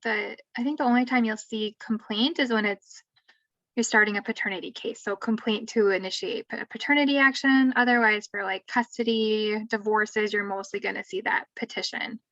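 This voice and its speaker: A woman's voice: medium pitch, steady tone, moderate pace, a bit bright, no echo. A woman who advocates in family law, explaining court steps in a conversational webinar style with frequent asides. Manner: conversational, thinks aloud with asides. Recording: distant dull lo-fi mic, dry.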